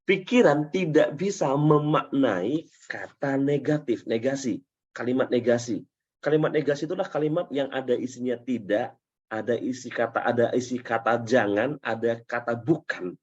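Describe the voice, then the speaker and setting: A man's voice: mid-range voice, normal speed. A man coaching a live class on self-talk, acting out little example dialogues and often asking the audience questions. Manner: lively, acts out short example dialogues; repeats and asks the audience questions. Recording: dull lo-fi sound.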